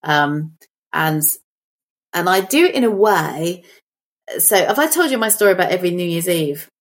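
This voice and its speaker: A middle-aged woman with a lowish, animated voice talks at a normal speed as a podcast co-host. It's a casual chat in which she tells stories and thinks aloud in a reflective way.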